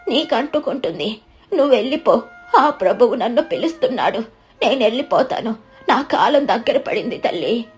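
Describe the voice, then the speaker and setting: A woman voicing a frail, lonely old village woman who speaks weakly and slowly, in a storybook. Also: on the high side. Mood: weary. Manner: weak, slow, pleading. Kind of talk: storybook narration.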